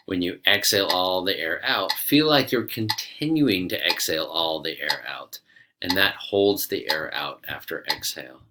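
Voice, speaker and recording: A man giving methodical yoga breathing instruction as a teacher, explaining and guiding in a measured way. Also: sits low, expressive, background noise. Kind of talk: instructional explanation with guided counting.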